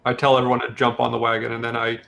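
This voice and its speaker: A man's voice: medium pitch, monotone, very fast, creaky, pushed and bright. A man chatting casually as a player in a tabletop role-playing game.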